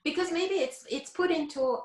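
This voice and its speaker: A middle-aged woman talking on a panel video call, halting and repeating words as she searches for them. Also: extremely high pitch. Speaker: music teacher on a panel. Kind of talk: panel discussion. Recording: echoey room on video call.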